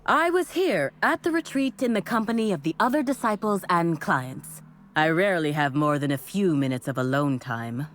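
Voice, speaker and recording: A woman voicing a devoted female cult assistant in a game, giving a chipper pitch that sags into tired resignation. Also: animated, normal speed, soft background music, close to an everyday voice. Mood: weary. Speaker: voiced game character.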